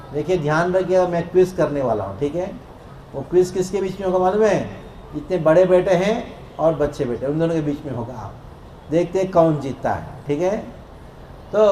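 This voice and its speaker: A man preaching a devotional discourse to a congregation in a temple hall, playful and lively, leading the crowd in call-and-response chanting. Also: high-pitched. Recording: echoey hall with faint noise.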